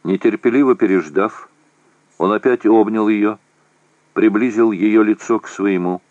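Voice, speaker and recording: A man giving a measured audiobook reading of a war novel. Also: lowish voice, a little mellow, no room sound. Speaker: narrator. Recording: dull, dry lo-fi recording.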